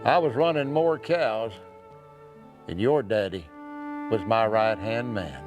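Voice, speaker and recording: A man reciting cowboy poetry as earnest, measured storytelling, with dramatic phrasing and pauses. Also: lowish voice. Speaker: cowboy poet. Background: soft acoustic guitar music.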